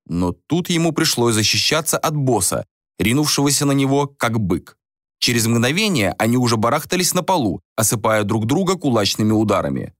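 Man, audiobook narrator, scripted storytelling, lively intonation, dry close sound. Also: mid-range voice, fairly quick, no room sound.

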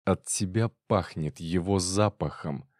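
A man with a deep voice voicing a young, jealous, angry husband in an audiobook, harsh and biting. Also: a little slow, no echo, clean studio sound. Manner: jealous, shouting through teeth.

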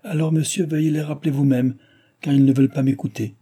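A man's voice: a little high, steady tone, fast talker, dark tone, husky, voice pushed up. A man voicing a young governess who protests in a strained, firm voice in an audiobook. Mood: protesting.

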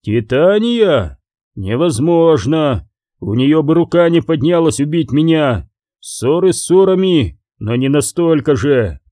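A man's voice: a little high, big pitch swings, takes it slowly, dark tone, no room sound. A man voicing the pompous, grumbling ghost of a male elf king. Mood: blustering.

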